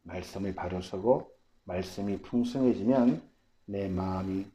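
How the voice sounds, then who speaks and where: A man's voice: low-pitched, a little slow, warm tone. A male pastor giving an emphatic sermon full of repeated rhetorical questions.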